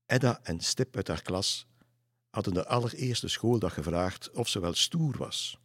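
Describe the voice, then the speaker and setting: A man reading a children's story aloud in a calm, measured way. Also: on the low side, breathy edge, dry recording, studio quality.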